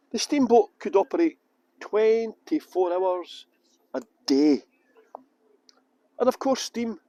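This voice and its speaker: Guiding a tour group outdoors at a canal boat lift, a man from Edinburgh speaks in a Scottish accent, joking around and playing with mock pronunciations. His voice is high and warm, and the recording is dry.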